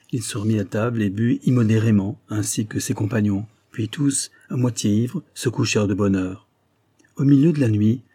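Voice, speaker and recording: Low, husky male audiobook narrator. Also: mellow.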